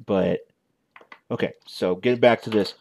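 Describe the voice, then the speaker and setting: A man in his forties giving a casual, unscripted show-and-tell commentary as a reviewer, halting and correcting himself as he goes. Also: lowish voice, fairly even intonation, vocal fry, darkish tone, a little hiss or hum. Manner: halting, conversational, self-correcting. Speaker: toy reviewer. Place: small living room at home. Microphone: headset.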